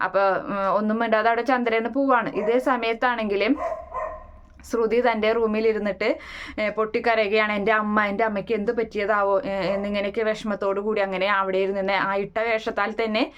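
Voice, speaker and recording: A woman's voice: medium pitch, little pitch movement, a little fast, clear, resonant tone, highs cut off. A woman casually retelling the plot of a TV serial, with many "eh" fillers and restarts. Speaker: serial recap narrator.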